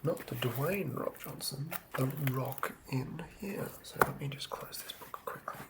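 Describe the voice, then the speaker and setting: A man with an animated, medium-pitched, creaky voice speaks at a measured pace over heavy background noise. Hosting a casual whispered ASMR session, he thinks aloud while writing tabletop game monsters, often murmuring words again.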